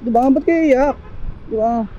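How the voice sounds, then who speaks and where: A man from the Philippines chats to his viewers while out on delivery runs. His voice sits high for a man yet sounds very mellow and dark in tone. He keeps laughing, apologizing with a grin and tossing little tag questions into his talk. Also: normal speed, highs cut off, a little hiss or hum. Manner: apologetic, joking asides. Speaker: delivery rider vlogger. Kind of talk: casual chat to viewers.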